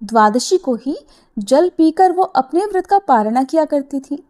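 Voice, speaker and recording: A woman narrating a devotional story in a gentle, expressive storytelling manner, voicing the quoted lines herself. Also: sits high, unhurried.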